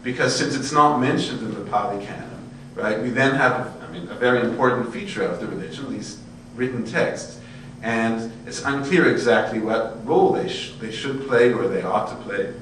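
A man's voice: mid-range voice, moderate pace, fairly bright tone. A man giving an informal academic lecture in an erudite, discursive way, often checking in with his listeners. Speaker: lecturer in Buddhist studies. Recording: very echoey, distant microphone, faint hum and noise.

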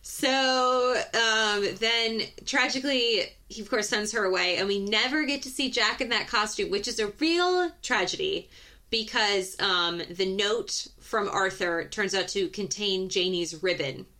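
A woman's voice: mid-range voice, measured pace, bright, forceful tone. A young woman co-hosting a podcast in casual chat, gushing and giggly, full of "like" fillers. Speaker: podcast co-host.

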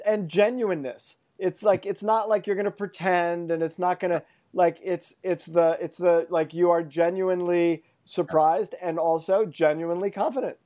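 A man's voice: steady tone, moderate pace, few pauses, dark tone. A male podcast host closing an interview and reading a scripted outro. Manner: friendly, then smooth read-out pitch.

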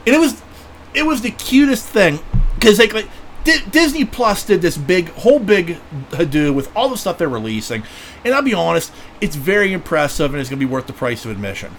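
Excitable man chatting on a podcast. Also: high-pitched, fairly quick, a little hiss or hum. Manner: excitable, profane fan talk with many fillers. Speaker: podcast host. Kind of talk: casual chat.

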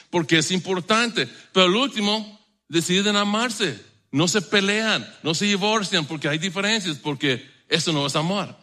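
A middle-aged man delivers a sermon in a relaxed, conversational manner. His voice sits high and rings bright, and he keeps turning to the congregation with rhetorical questions. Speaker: pastor.

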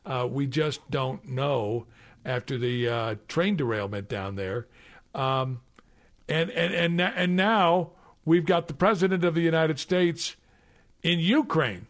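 A man hosting talk radio with chatty live news commentary, often halting and repeating words. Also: on the high side.

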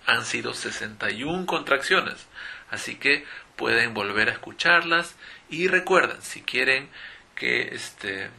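A man runs a pronunciation lesson, saying each English word twice at an unhurried pace. His voice has a gravelly edge and a bright, forceful tone. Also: mid-range voice, expressive. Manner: slow, repeats English words for practice. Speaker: English teacher.

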